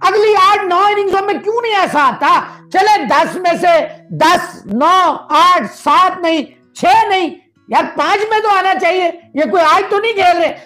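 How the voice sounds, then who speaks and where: A Pakistani man with an extremely high, pushed, bright voice argues about cricket over a video call, speaking unhurriedly with few pauses. The audio is poor. He is emphatic, mixes in English phrases, and repeats words for stress in this debate-style commentary.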